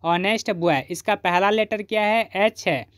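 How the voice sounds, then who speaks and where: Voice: mid-range voice, a little slow, no room sound, clean studio sound. A teacher from Chhattisgarh explaining grammar step by step, asking questions and then answering them.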